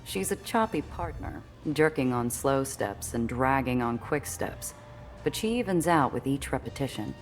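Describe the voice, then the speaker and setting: A woman with a rumbling low voice and lively intonation narrates her own story as a cool, observant heroine in a video game, her scripted delivery wry and composed. She speaks at a moderate pace, with faint music in the background.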